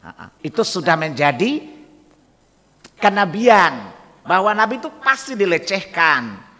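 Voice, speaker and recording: High bright-voiced preacher in a mosque hall. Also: male voice, big pitch swings, measured pace. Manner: rhetorical, provoking the audience with repeated questions. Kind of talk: mosque sermon. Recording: long hall reverb in a mosque.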